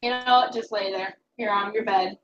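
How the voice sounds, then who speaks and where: A young woman chatting casually on a live stream about her artwork, giggly and full of quick asides. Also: medium pitch, fairly even intonation, slight background noise. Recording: muffled lo-fi mic.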